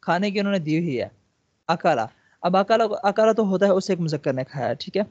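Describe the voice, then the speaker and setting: A man tutoring a student online, patiently walking through each step and checking in again and again. His voice is mellow and a little husky, and the lesson audio sounds dull and lo-fi. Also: high-pitched, lively intonation. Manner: coaxing, repeats words and checks understanding. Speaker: online Arabic teacher.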